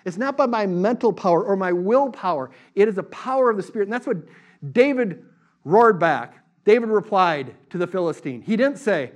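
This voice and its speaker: A middle-aged male pastor preaching a sermon in a lively, conversational way, mixing casual asides with fervent declarations. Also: high voice, normal speed, muffled recording. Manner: animated preaching, acts out voices in quotes.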